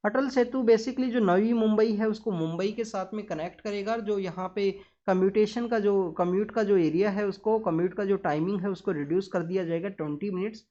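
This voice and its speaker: With a mid-range, darkish voice, a woman exam-prep teacher delivers a newspaper analysis lesson, explaining step by step and mixing in English terms. She lectures while often addressing her students directly, captured in a slightly dull, muffled recording.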